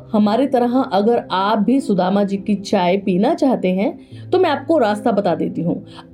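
A woman's voice: a little high, dark tone. A woman giving scripted narration in a lyrical, folksy storytelling manner.

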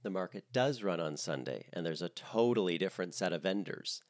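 A man's voice: deep voice, animated, a little fast. A man voicing a blunt, grumpy woman who speaks in a dry, curt way. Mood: brisk. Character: blunt, grumpy middle-aged woman host.

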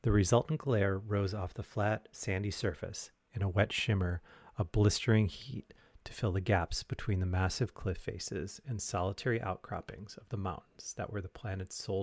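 A man with a low voice narrates in a soft, soothing, mock-serious tone, like a parody guided meditation. The sound is dry and close, with no room around it. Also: no room sound. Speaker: podcast host and narrator.

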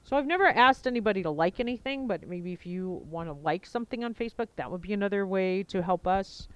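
A woman hosting a podcast, chatting casually and rambling as she thinks aloud, recorded on a low-quality headphone mic. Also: lively intonation, quick pace, clear, resonant tone, no room sound, lo-fi sound. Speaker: podcast host. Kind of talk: casual chat, informal podcast announcement. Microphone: headset, talking into headphones.

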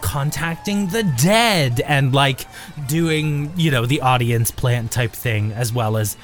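A man improvising tabletop game narration as game master, descriptive and halting, with drawn-out pauses. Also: medium pitch. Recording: faint music behind.

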